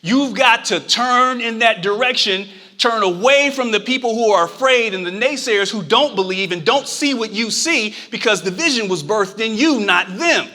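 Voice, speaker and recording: A man's voice: high-pitched, normal speed, long reverb tail. A man telling a personal story with a motivational message, acting out the voices in it and ending with an emphatic, preaching close. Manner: animated, acts out quotes, emphatic preaching close. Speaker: motivational speaker.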